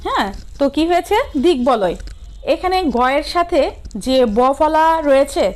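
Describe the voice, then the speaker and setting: A middle-aged woman with a Bangladeshi Bengali accent teaches a grammar lesson in a high, light voice. She asks her students questions and answers them herself. She sounds out each word slowly and with care. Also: expressive. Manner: sounds out words slowly and carefully. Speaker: school teacher.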